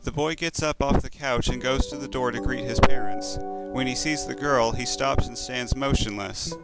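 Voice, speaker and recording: A man narrating his own horror story in a steady, descriptive reading style. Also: mid-range voice, moderate pace, rough recording. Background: loud game music score.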